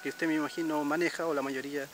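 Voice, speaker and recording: A middle-aged man from Chile teaching a language lesson, patiently repeating words slowly and checking in with listeners. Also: fairly high pitch, little pitch movement, fairly bright tone, slight background noise. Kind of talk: casual spoken lesson.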